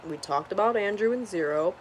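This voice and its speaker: A woman in her twenties telling a story casually at home, animated and swearing freely. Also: medium pitch, a little fast. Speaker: vlogger. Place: hot room at home with a fan on. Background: faint fan hum.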